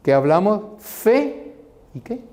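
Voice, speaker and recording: A middle-aged man, leading a seminary class discussion and acting out quoted voices. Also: slow. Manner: animated, acts out quoted voices in a raised pitch. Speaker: seminary teacher.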